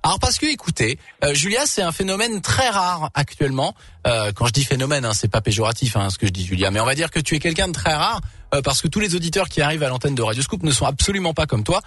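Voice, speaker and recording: A man's voice: on the high side, very animated, quick pace, a bit bright, breathy edge, no echo. A young man hosting a late-night call-in radio show from a studio, joking and teasing the callers. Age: young adult. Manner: teasing, jokey, talks over callers. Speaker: radio host. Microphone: studio microphone.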